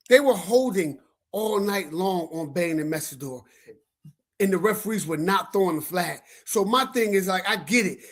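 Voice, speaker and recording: A man's voice: high-pitched, a bit bright. A man hosting a casual sports commentary livestream, talking in slang and repeating words when he gets worked up. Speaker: sports show host.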